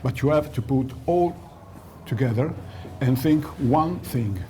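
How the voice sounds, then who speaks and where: A mellow, mid-range male voice moves at a measured pace as a loudspeaker designer answers interview questions at a noisy audio trade show in Milan. His explanation is technical and didactic, and he often pauses to search for words.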